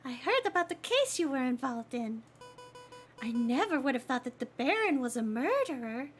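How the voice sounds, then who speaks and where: Woman voicing a high, genteel young lady bird. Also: big pitch swings, moderate pace, faint music behind. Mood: polite, chatty. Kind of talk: video game character voice read aloud.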